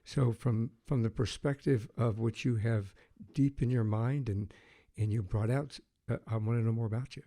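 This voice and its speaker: A man hosts a podcast in a soft, mellow voice. He opens with a tidy scripted introduction before settling into a measured, conversational interview, often pausing on fillers as he gathers his thoughts. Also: mid-range voice, fairly even intonation. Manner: measured, hesitant with fillers when chatting. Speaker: podcast host.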